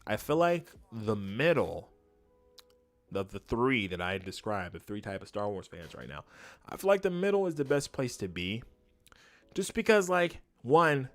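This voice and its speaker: A man hosts a casual livestream with faint music in the recording. His pitch moves around a lot as he makes his points. He speaks emphatically and opinionatedly, often saying a phrase twice to drive it home. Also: fairly bright tone. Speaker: YouTube host and streamer.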